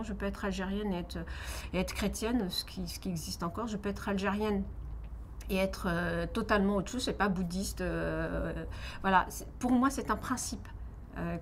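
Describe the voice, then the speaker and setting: A woman from Algeria, in her thirties, giving earnest personal testimony in an interview, pausing often with fillers and restarts. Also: mid-range voice, a little hiss or hum.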